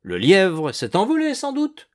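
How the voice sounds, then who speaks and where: A man's voice: sits high, wildly swooping pitch, measured pace, darkish tone, voice pushed up, exaggerated voice. A man voicing an exasperated young male hunter with a sarcastic edge.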